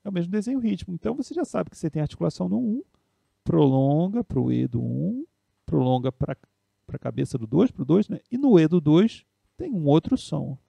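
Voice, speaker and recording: Brazilian male music teacher, patient step-by-step explainer, higher-pitched voice with a gravelly edge. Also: sing-song, a little fast, warm tone, dry recording. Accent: Brazilian Portuguese. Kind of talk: spoken piano and music theory lesson.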